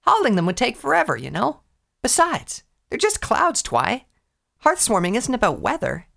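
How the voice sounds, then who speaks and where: Guy doing a cocky sporty pony girl, way up high, swoopy voice. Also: wildly swooping pitch, normal speed, creaky, a bit bright, full character voice. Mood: brash. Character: brash tomboyish young pony mare. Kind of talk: fan audio story reading.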